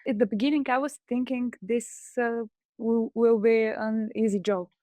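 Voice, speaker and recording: A woman's voice: fairly high pitch, steady tone, normal speed, dark tone, faint music behind. Woman from Bulgaria, hesitant presenter. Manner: hesitant, frequent fillers. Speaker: startup co-founder. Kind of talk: webinar presentation.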